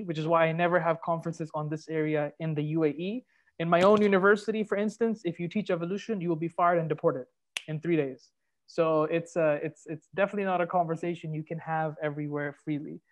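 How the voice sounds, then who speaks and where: A man from Kuwait giving a conversational guest lecture over a video call, explaining in a relaxed way and dropping in Arabic phrases. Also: a little high. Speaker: guest lecturer, assistant professor.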